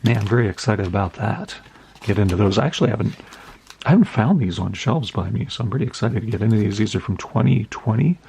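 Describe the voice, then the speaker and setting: A middle-aged American man with a cold and a hoarse, raspy voice, chatting in a rambling, friendly way while opening card packages for his channel. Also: on the low side, darkish tone, slight background noise. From United States. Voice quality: raspy, gravelly. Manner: rambling, friendly, many uh fillers. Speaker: card collecting vlogger. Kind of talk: casual chat while opening mail.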